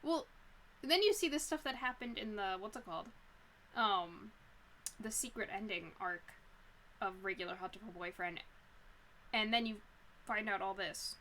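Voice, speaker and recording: A woman's voice: mid-range voice, measured pace, pauses often, bright, forceful tone, slight background noise, rough recording. A woman chatting casually as she plays a visual novel and rambles through her thoughts. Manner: chatty, rambling, laughs a lot. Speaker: let's player and streamer. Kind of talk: casual gameplay commentary.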